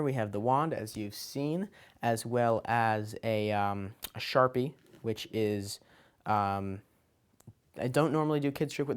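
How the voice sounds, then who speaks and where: A man talking casually as a children's magician, explaining his kit item by item in an informal, loosely improvised, hesitant way. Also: lowish voice. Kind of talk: casual show-and-tell explanation.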